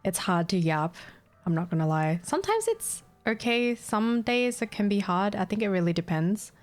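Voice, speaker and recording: Faint music sits behind a medium-pitched, sing-song voice at normal speed: a woman game streamer from Australia who first spoke Vietnamese. Tired, giggly and scatterbrained, she reads chat aloud during her casual gaming live stream.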